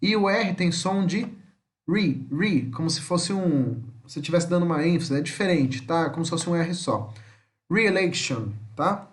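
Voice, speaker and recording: A man gives a recorded homeschool lesson on English spelling. His voice sits a little high for a man. He drills English words slowly, one after another, and checks in with a quick "tá?" after almost every phrase. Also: expressive. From Brazil. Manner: tags nearly every phrase with a questioning "tá?". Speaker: English teacher.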